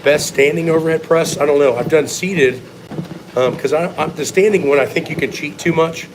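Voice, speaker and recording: A man's voice: on the high side, normal speed, background noise. A man giving blunt, opinionated, sometimes profane answers in a casual live question-and-answer chat as a strength coach.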